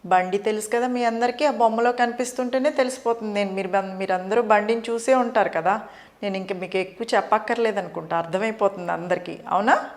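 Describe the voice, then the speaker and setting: A woman's voice: medium pitch, steady tone. A middle-aged woman teaching preschoolers the alphabet, sounding out words syllable by syllable and asking the children questions. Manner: slow, drawn-out syllable-by-syllable teaching; asks the children questions and answers them.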